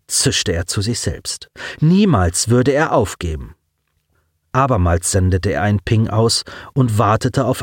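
A man narrating a science-fiction audiobook in an expressive, varied reading. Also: on the low side, no echo, clean studio sound.

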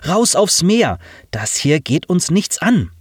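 A man's voice: fairly high pitch, sing-song, slow pace, husky, dry recording, clean studio sound, voice pushed up, full character voice. A man doing a wary, blunt young wife. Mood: urgent. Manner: urgent, blunt warnings.

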